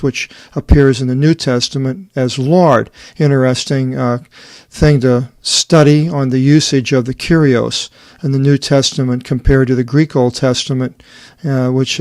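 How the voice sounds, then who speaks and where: Man, mid-pitched, hesitant and unpolished, explaining his own book layout; dry room. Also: a little mellow, no room sound. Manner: halting, many fillers and restarts. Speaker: Bible translator presenting his edition. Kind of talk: unscripted screen walkthrough.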